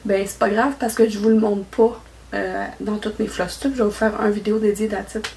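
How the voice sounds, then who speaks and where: A woman's voice: mid-range voice, little pitch movement, a little fast, gravelly, mellow. A woman from Quebec with a Québécois accent, chatting casually as a cross-stitch vlogger, rambling and laughing often. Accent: Québécois French. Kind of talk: casual chat. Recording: voice a bit far from mic, faint noise.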